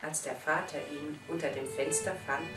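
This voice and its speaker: A woman reading a children's story aloud with lively, expressive storytelling. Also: low voice, moderate pace, loud music behind the voice. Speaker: story reader. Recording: roomy, distant mic, faint background.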